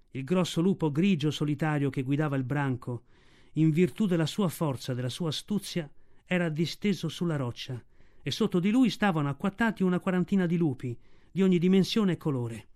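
A man narrating a story aloud in a steady storytelling delivery. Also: a little high. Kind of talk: audiobook reading.

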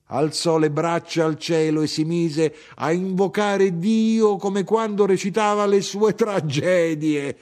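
A man's voice: high voice, takes it slowly, few pauses, voice pushed up. A feisty older mother, put on by a man. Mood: brisk, spirited. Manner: lively, animated dialogue. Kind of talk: audiobook reading.

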